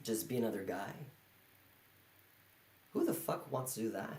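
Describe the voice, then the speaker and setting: A man's voice: lowish voice, normal speed, darkish tone, close to an everyday voice. Guy acting out a bitter self-hating has-been, crude and brooding, roomy echo. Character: bitter washed-up man, self-loathing failure in showbiz. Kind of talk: live theatre monologue. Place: indoor performance hall. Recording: echoey hall.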